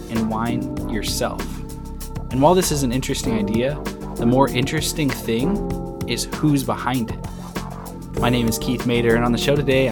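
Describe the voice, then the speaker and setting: A man hosting a local podcast, introducing the episode and asking curious, friendly interview questions. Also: medium pitch. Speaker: podcast host.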